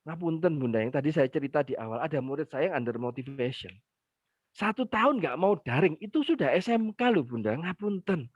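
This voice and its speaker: East javanese guy doing a motivational parenting talk, acts out scenes, super expressive, dry dull audio. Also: on the high side, fairly quick, husky, dry recording. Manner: animated, acts out dialogues and addresses mothers directly. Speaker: parenting speaker.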